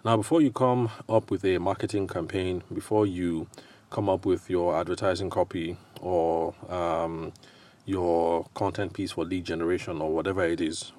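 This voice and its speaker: A man with a Nigerian accent hosting a solo podcast in a casual, explanatory way, often pausing hesitantly as he thinks aloud. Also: low-pitched, darkish tone. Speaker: podcast host.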